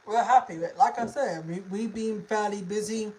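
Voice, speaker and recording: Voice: mid-range voice, normal speed, a little mellow, slight background noise, rough recording. A livestream host, chatting casually in an informal, slangy, sweary way and often repeating phrases. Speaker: livestream host, animal content creator.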